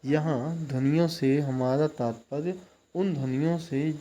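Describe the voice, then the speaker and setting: Slow, mellow-voiced male teacher. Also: fairly high pitch, highs cut off, a little hiss or hum. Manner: explains step by step, checks in with "ठीक?" often. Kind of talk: exam-prep lecture.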